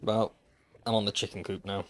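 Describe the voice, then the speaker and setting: A man streams a survival game and chats casually with his viewers, slipping in dry, wry asides. His voice sits lowish, with a level tone and a normal speed. It's casual gameplay commentary picked up on a desk microphone.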